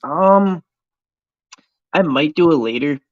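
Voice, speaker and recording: Here the American host speaks slowly with a slightly high voice and lively intonation, staying easygoing and hesitant as he chats. The recording is dry, dull and lo-fi.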